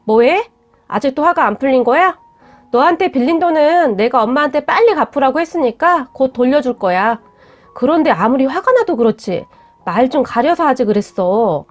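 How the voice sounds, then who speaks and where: A woman's voice: sits high, expressive, moderate pace, faint music behind. A woman voicing a curt, defensive young man who talks bluntly and scolds. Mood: offhand.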